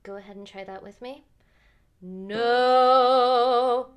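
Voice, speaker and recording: A woman vocal coach calmly guiding singers through vocal exercises step by step, with short sung demonstrations. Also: medium pitch, moderate pace, faint music behind. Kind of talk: guided vocal exercise instruction.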